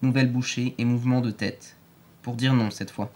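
A man narrating an audiobook in a clear, steady storytelling manner. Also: mid-range voice, normal speed.

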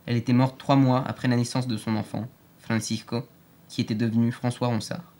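A man reads an audiobook aloud in a clear, steady storytelling manner. His voice sits in a middle range for a man. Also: medium pitch, brisk. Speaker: narrator. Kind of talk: audiobook narration.

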